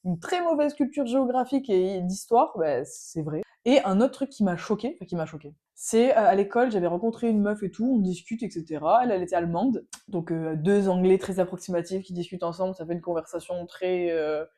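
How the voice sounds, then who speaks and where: A young woman from France tells travel stories on a casual podcast and acts out every quote. She talks very fast, with a mellow, warm tone. She often jumps into high, pitched-up voices for other people. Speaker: podcast co-host. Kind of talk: casual chat, storytelling.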